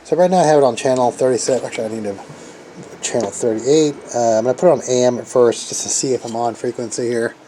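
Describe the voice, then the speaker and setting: Against slight background noise, a hobbyist radio operator shows off his gear in a relaxed, hands-on demo. He speaks quickly in a medium, dark-toned voice, rambling informally as thoughts come to him.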